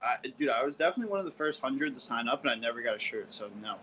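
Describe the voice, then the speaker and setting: A man guesting on a podcast, telling stories in an animated, casual way. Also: mid-range voice, racing, lo-fi sound, slight background noise. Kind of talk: casual chat.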